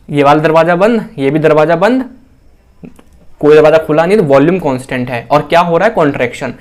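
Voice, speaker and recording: A man's voice: fairly high pitch, darkish tone. A man with an Indian accent giving a casual classroom-style physiology lecture, often repeating phrases and asking the listener questions. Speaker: physiology teacher.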